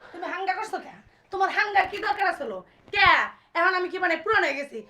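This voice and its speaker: Woman acting as an angry wife yelling at her husband, super high bright voice, rapid-fire nagging, thick bangla. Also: heavily acted. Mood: bitter. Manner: shrill scolding, taunting repeated questions. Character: furious first wife confronting her cheating husband. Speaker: actor in a comedy skit. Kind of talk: amateur comic drama acting.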